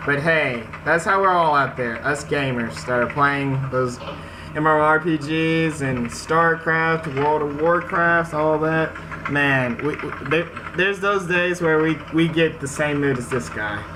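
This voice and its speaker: The speaker is a man hosting a casual let's play, trading slangy, informal commentary for read-aloud story narration. His voice is on the high side and a little slow. Game music and background noise fill the recording.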